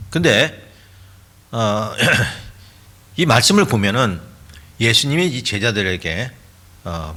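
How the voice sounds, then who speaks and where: A man preaching a sermon as pastor, with emphatic rhetorical questions and frequent throat clearing. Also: fairly low pitch, bright, forceful tone.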